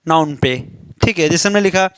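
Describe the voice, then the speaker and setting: Man teaching grammar in a dry, clear voice. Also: on the high side, no room sound. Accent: Indian English. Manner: asks questions and answers them himself; reads example sentences slowly. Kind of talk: exam-prep grammar lesson.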